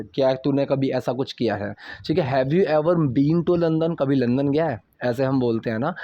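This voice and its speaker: A young man with a somewhat high voice teaches English in a relaxed, patient way. He slows way down to read each English example line. The sound is dry and a little dull, with no room echo. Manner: explains patiently, reads English lines slowly and deliberately; casual, checks in with "ठीक है?" often. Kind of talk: Hindi-language English lesson explaining subtitle lines.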